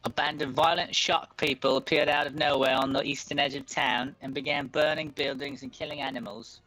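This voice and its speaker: A man voicing a weary old village headman who talks gruffly and plainly, swearing under his breath. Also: on the high side, little pitch movement, fairly quick, bright, forceful tone, voice pushed up, poor audio.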